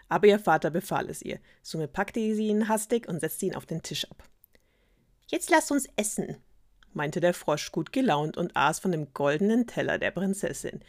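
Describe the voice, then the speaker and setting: A woman's voice: on the low side, darkish tone. A woman retelling a fairy tale on a podcast in a casual, ironic, chatty way with fillers. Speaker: podcast storyteller.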